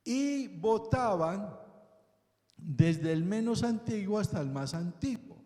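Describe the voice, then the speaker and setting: A man's voice: high voice, lively intonation, slow pace, dark tone. A male pastor preaching a sermon, asking the congregation questions and checking in with them often. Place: church hall. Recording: echoey church hall.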